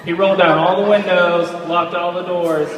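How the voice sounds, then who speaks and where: A young man giving a rambling, sentimental best man speech, informal and hesitant, pausing and repeating himself. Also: high-pitched, little pitch movement, a bit bright, muffled recording, soft background music. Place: large reverberant indoor reception room. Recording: echoey hall, distant microphone.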